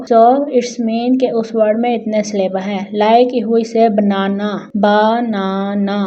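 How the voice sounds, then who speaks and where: A woman teaching a textbook lesson, reading slowly and explaining quickly in Hindi. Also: on the high side, dark tone, lo-fi sound. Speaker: English tutor.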